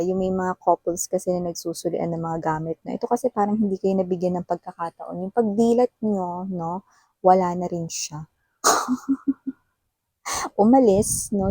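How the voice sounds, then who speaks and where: A woman's voice: mid-range voice, dark tone, no echo, poor audio. A woman with a Filipino accent giving a casual tarot reading to her viewers, mixing in English and often ending phrases with a questioning "no?". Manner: chatty, tags sentences with "no?". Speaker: tarot reader.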